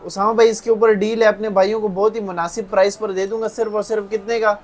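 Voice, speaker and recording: A man with a Pakistani accent giving a hard-sell sales pitch as a phone seller, repeating prices insistently and addressing buyers as brothers. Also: flat delivery, fast.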